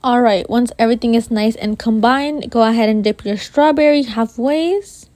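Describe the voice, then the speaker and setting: A woman's voice: fairly high pitch, moderate pace, a little mellow, no room sound, clean studio sound. A woman narrating a how-to baking tutorial in an informal way, with a slight lisp and whistling s. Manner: addresses viewers informally as you guys. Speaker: baking video host.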